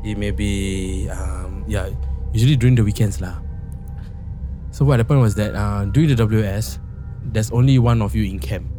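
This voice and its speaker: A young Singaporean man hosting a podcast, chatting and telling personal stories in an animated, slangy way. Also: fairly low pitch, moderate pace, soft background music. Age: young adult. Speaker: podcast host. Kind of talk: casual chat and personal storytelling. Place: podcast studio.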